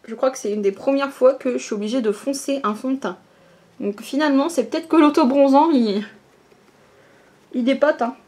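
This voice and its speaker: A woman's voice: high voice, moderate pace, mellow. Chatty French-speaking woman doing makeup. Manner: chatty, explains each step with fillers and little "hop" sounds. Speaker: beauty vlogger. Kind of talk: casual get-ready-with-me makeup tutorial.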